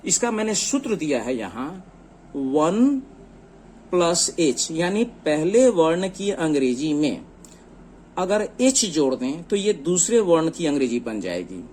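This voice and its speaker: Lively-voiced man teaching letters slowly. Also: a little high, slight background noise. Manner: slow, deliberate spelling-out of letters one by one. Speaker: English teacher. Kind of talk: screen-based lesson explaining letters.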